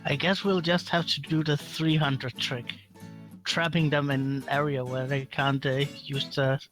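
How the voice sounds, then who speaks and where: A man's voice: a little high, fairly even intonation, measured pace, a bit bright, faint music behind. A man playing a tabletop game, casually describing what his character does. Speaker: player. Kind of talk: narrating his character's actions.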